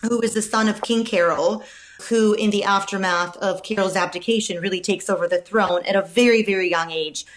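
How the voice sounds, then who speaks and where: A woman from Romania, a novelist, takes podcast interview questions with thoughtful, measured replies, frequently pausing on fillers and starting over. She has a mid-range voice with fairly even intonation, and the recording is rough.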